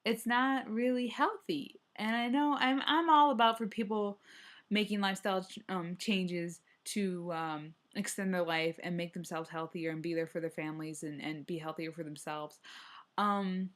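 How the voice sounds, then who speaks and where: A woman's voice: lowish voice, steady tone, normal speed, fairly bright tone. A young adult woman chatting casually on a solo running vlog, rambling and hesitant, often restarting her sentences. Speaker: running vlogger.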